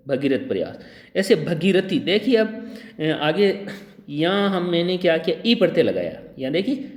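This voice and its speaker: A man with a somewhat high voice teaches spelling for exam preparation, drilling each wrong and right form in turn. He clears his throat often. The sound is roomy, with a long reverb trailing behind his words. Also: darkish tone. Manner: drills by repeating the wrong and right word forms. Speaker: Hindi grammar teacher. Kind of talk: exam-prep spelling lesson at a board. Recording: echoey room with long reverb.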